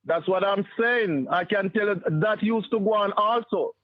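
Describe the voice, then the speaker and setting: A Jamaican man speaks slowly on a call-in show, often stopping and restarting. His voice is fairly high. It comes through a thin, tinny phone line. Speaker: caller.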